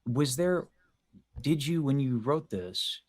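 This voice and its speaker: With a medium-pitched, expressive voice and a slow pace, a young man who coaches singers hosts a casual video call. He explains vocal technique analytically and in depth.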